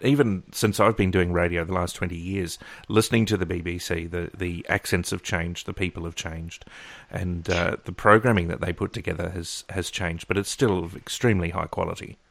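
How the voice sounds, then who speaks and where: A man from Australia hosting a radio interview, speaking in a measured, thoughtful way with some hesitations. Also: low-pitched, fairly even intonation, creaky, a bit bright, no echo. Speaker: radio host. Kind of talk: conversational interview.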